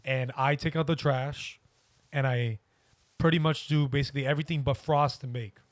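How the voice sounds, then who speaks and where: A young man in his early twenties answers podcast questions in a loose, meandering way, often pausing with fillers. His voice sits at a middling pitch. The recording is close and dry, with no room sound. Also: fairly even intonation, no echo. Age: young adult. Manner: easygoing, rambling, hesitant. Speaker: guest. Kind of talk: casual interview.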